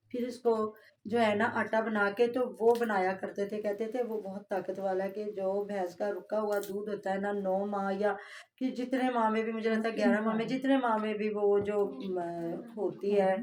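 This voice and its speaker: A woman talks her way through a reaction vlog, chatty and rambling with plenty of fillers and asides. Her voice sits at a middle pitch. Faint noise and small clicks run under the recording. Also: darkish tone. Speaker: vlogger reacting to family vlogs. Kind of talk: casual reaction commentary.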